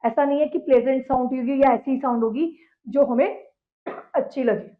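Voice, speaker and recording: A woman teacher giving a science lesson. She reads English sentences slowly and then explains them in quicker, conversational Hindi. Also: sits high, steady tone. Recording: tinny phone-like audio.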